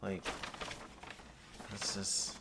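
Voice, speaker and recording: A man who sounds high, rambling casually in a dazed, drifting stoner manner as he vlogs and trails off. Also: very slow, background noise. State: high, intoxicated. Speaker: vlogger. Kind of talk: rambling casual unboxing vlog.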